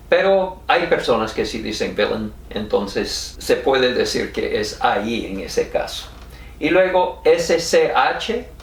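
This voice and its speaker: A man with an American English accent, his first language, teaching a spelling lesson in Spanish, slowly spelling out letters one by one and chuckling now and then. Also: mid-range voice. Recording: roomy sound from a distance.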